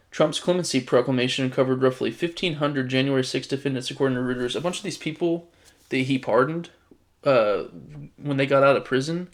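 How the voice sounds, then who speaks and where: Exasperated male political commentator. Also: medium pitch. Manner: exasperated and sarcastic, frequent restarts. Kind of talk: casual political commentary reading news items.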